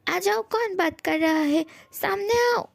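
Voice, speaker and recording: A woman's voice: extremely high pitch, a little slow, vocal fry, very noisy, heavily acted. A woman voicing a bossy young male ghost. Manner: bossy, threatening. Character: handsome young male ghost, possessive of his room. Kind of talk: fan audio story voice-over.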